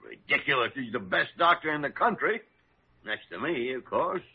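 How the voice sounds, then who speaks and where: An actor playing a cantankerous, bossy, self-important senior doctor in an old radio drama. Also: male voice, mid-range voice, animated, normal speed, husky. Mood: grumpy. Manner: irascible, indignant, self-important. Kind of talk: 1940s radio drama acting. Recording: muffled old radio recording.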